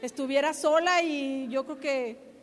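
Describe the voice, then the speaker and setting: A middle-aged woman pastor, preaching a sermon in a loud, emphatic, lively way. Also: sits high, measured pace, big-room sound. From Mexico.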